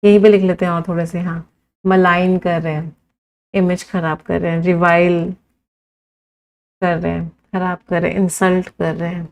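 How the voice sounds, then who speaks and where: Brief: young Indian female teacher, steady synonym drills, slow careful dictation. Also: on the low side, vocal fry, lo-fi sound, slight background noise. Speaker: English vocabulary teacher. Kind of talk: live online vocabulary lesson.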